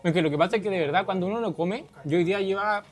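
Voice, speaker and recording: A man's voice: sits high, racing, soft background music. A young man chats through a casual food-tasting vlog. He speaks straight to his viewers and laughs easily. The sound comes through a lapel mic in a small, busy restaurant. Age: young adult. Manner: chatty, addresses viewers, laughs often. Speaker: host. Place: small crowded restaurant, indoors.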